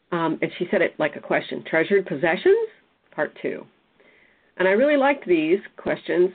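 A woman leading a Bible study discussion, speaking thoughtfully and searching for her words. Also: on the low side. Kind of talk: reflective group discussion. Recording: tinny phone or call line.

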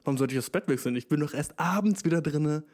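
A man's voice: a little high, fast talker. A man in his twenties chatting casually and at length, full of slang and swearing, and he keeps calling the listener dude. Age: 20s. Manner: slangy, profane and rambling; excitable, addresses listener as dude. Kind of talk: casual solo chat.

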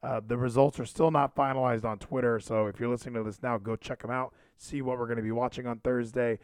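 A man's voice: mid-range voice, flat delivery, quick pace, smooth, dry recording. Rambling male podcast host, dry sound. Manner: rambling, self-interrupting, repeats phrases. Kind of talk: casual chat. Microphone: handheld microphone.

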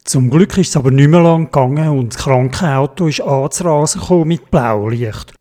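A man with a Swiss German accent reading a children's story aloud, gentle and expressive. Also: a little high, fairly quick.

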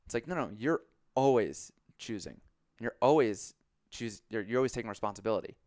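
A man co-hosting a podcast, chatting casually and telling stories with lively shifts of voice. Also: brisk, dry recording, studio quality. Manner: animated storyteller, jumps into high voices for quotes. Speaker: podcast co-host; coach.

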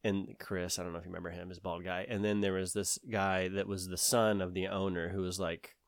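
Southern guy rambling on in a chat, kinda low voice, dry close sound. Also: flat delivery, brisk, dry recording. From American South. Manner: rambling, lots of fillers and restarts. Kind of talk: casual conversation.

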